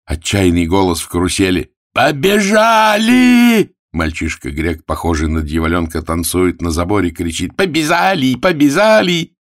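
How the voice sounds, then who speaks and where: Man quietly reading stage directions. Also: deep voice, level tone, brisk, hardly any pauses, no echo, clean studio sound. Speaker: reader. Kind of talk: scripted reading of a play.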